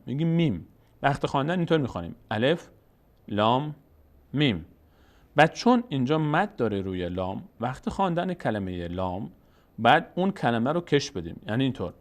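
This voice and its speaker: Man teaching Quran reading slowly. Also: medium pitch. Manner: explains patiently, asks questions and answers them himself; draws out sounds slowly when demonstrating. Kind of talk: step-by-step recorded lesson.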